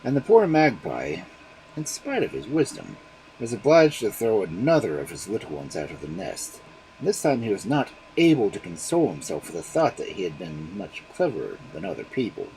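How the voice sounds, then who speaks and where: Expressive male fairy-tale storyteller. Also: on the low side, normal speed, a little hiss or hum, rough recording. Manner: expressive, dramatic read-aloud. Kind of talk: fairy-tale reading on a livestream.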